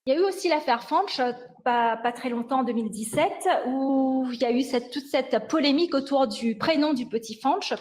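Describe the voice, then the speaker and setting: A woman's voice: on the high side, a little mellow. A woman giving a lecture with slides on language sciences, speaking hesitantly and often restarting and correcting herself.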